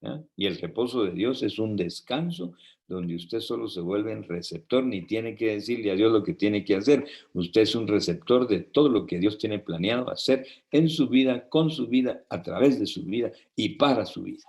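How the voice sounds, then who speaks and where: Guy with a lowish voice giving a chatty sermon, keeps asking ok? ya? to the crowd. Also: normal speed, darkish tone. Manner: sprinkles tag questions like ok and ya to check on listeners; tells personal anecdotes with light laughter. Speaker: preacher. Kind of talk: conversational sermon.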